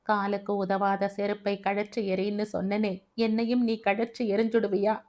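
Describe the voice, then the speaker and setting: A woman voicing a bedridden, dying elderly husband who pleads in a halting, grieving inner monologue. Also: medium pitch, level tone, darkish tone, natural voice. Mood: remorseful.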